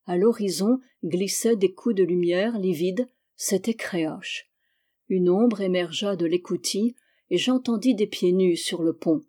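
Mellow-voiced woman reading a novel. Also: on the low side. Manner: measured, descriptive. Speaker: audiobook reader. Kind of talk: literary narration.

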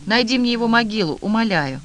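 A man's voice: high-pitched, lively intonation, moderate pace, heavily acted. A man reading a broken grieving mother. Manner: quiet, plaintive. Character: grieving broken young mother, timid and hushed.

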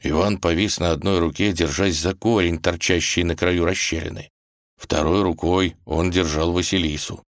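A man narrating a fairy tale in an expressive, dramatic storytelling manner. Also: low-pitched, moderate pace, no echo, clean studio sound.

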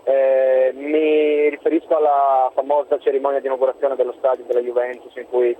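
A man's voice: medium pitch, level tone, normal speed. A man from Turin calling in to a radio show over a phone line, asking a question in a polite, formal way. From Turin, Italy. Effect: phone-line call into a radio show. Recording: tinny phone line with faint noise.

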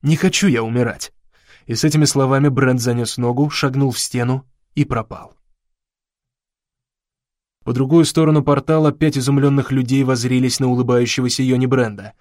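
A man narrating an audiobook in a measured, dramatic way. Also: medium pitch, level tone, a little mellow, no room sound, studio quality.

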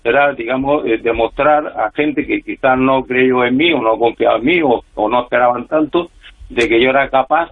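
A former freelance spy, now an older man, speaks with a medium pitch at a moderate pace. He's calling into a radio interview, and the phone line sounds tinny as he recounts his story at length, restarting often and using plenty of fillers.

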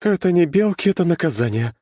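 A man's voice: fairly high pitch, big pitch swings, brisk, dark tone, no echo, clean studio sound, voice pushed up. Cheeky sly goddess done by a man. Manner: cheeky, mocking. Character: sly, brash female goddess, quick-tempered. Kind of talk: audiobook character voice.

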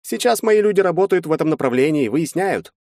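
A man puts on a slick middle-aged male lawyer in this audiobook, his voice pitched up high and lively. He sounds glib and falsely reassuring, with a constant smile in his talk. The recording is close and dry. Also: quick pace, no echo. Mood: smooth.

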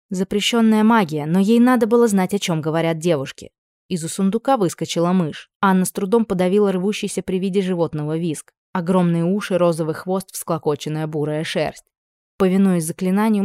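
A woman's voice: on the low side, a little mellow, no room sound, studio quality. Woman narrating a fantasy audiobook.

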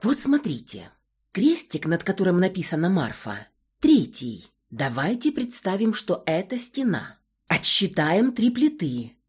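A woman voicing a stubborn, excitable young woman in an audiobook. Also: on the low side, measured pace, slightly rough, heavily acted. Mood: explaining. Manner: insistent, eager.

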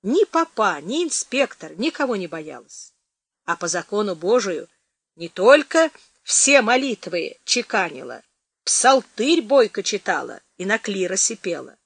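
Woman narrator for an audiobook, animated folksy telling, dry close sound. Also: medium pitch, unhurried, dry recording. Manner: lively folksy storytelling.

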